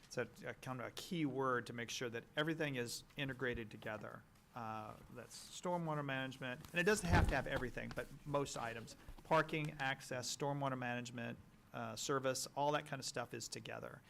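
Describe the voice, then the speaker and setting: A man on a town's planning staff, explaining policy to a council in a halting, explanatory way on a meeting microphone. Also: medium pitch, vocal fry, a bit bright, a little hiss or hum. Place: town meeting room.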